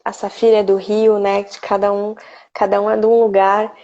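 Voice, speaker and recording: Woman live-stream host from Brazil, gravelly, darkish tone, dull lo-fi audio, chatty. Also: mid-range voice, little pitch movement, normal speed, mellow. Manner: chatty, greets viewers by name. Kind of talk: casual live chat.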